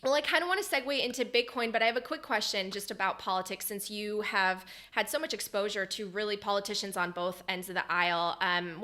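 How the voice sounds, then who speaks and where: A woman's voice: mid-range voice, bright, forceful tone. A woman hosting an interview, asking long, curious questions in a conversational way with some fillers. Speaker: interview host.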